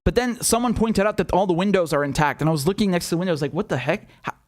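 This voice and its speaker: A man giving casual, unscripted live news commentary in a rambling, halting way that drifts into tangents. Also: high voice, animated, a little mellow.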